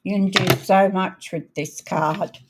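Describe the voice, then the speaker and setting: Slow, chatty woman demonstrating card crafts. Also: mid-range voice, fairly even intonation. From outside America. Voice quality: slightly crackly voice. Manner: chatty, unhurried, talks while working. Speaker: crafting host. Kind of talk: live card-making demonstration.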